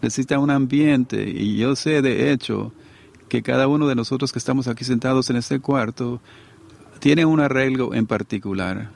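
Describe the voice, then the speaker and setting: A middle-aged man delivers a sermon in a relaxed, conversational way and keeps checking that his listeners agree. His voice sits at an ordinary pitch and has a gravelly edge. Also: normal speed. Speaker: preacher. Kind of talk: sermon to a congregation.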